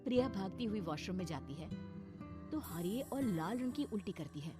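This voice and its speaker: A woman's voice: mid-range voice, animated, normal speed, music in the background. A woman narrating a scripted story dramatically as a storyteller. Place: voice-over recording with background music.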